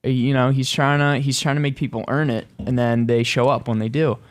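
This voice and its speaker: Male host, clear smooth voice, easygoing, casual sports banter. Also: mid-range voice, fairly even intonation, brisk. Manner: laid-back, agreeable.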